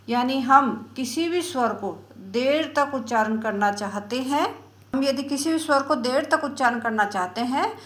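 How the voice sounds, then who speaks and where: A woman teaching a lesson, explaining step by step in a slow, patient way and drawing out example sounds. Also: high voice, fairly bright tone, reverberant. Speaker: Sanskrit teacher.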